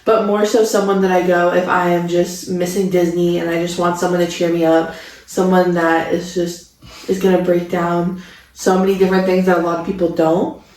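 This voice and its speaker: This vlog co-host, a woman of twenty-five, talks casually and eagerly in a home studio room indoors. She speaks at normal speed in a lowish, darkish, flat voice, picked up by a distant mic amid room echo.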